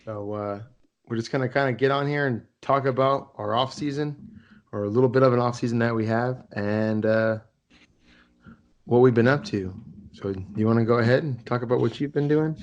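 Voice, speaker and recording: A man hosting a casual podcast, talking in a relaxed, rambling way with many fillers and restarts. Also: mid-range voice, normal speed, lo-fi sound. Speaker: podcast host.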